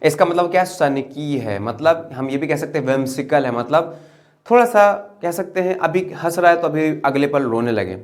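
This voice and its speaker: A young man with an Indian English accent teaching vocabulary through memory tricks, his voice pitched a bit high. He lifts his voice to stress key words, then drops low for quick asides. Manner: lively, swings between high emphatic and low murmured asides.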